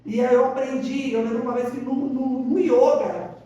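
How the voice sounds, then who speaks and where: A woman's voice: high voice, normal speed, lo-fi sound. A woman, a podcast guest giving a casual faith testimony and acting out the quoted dialogue in her stories. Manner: animated storytelling, acts out quoted dialogue. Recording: echoey room, mic at a distance.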